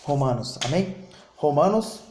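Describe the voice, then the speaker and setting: Man, preaching a sermon, fairly high voice, mellow tone. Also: lively intonation, a little slow, roomy sound, slight background noise. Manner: preaching with call-and-response "amém?" and acted prayer lines. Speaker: pastor. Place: church.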